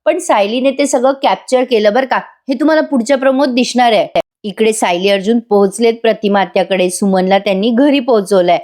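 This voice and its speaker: A woman narrating a TV serial recap in a chatty, conversational voice-over, often turning to address her viewers. Her voice sits a little high. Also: brisk, darkish tone. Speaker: serial reviewer.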